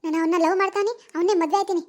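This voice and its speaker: A woman's voice: very high-pitched, fairly even intonation, rapid-fire, darkish tone, slight background noise. A woman voicing a young village girl who pleads with her mother and whines for mercy. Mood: defiant. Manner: pleading, whining.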